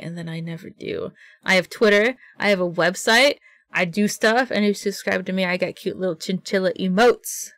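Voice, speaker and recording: A woman's voice: medium pitch, fairly bright tone, no room sound, clean studio sound. A young woman hosting a casual podcast on a call, bubbly and playful. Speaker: podcast host. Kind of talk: casual chat.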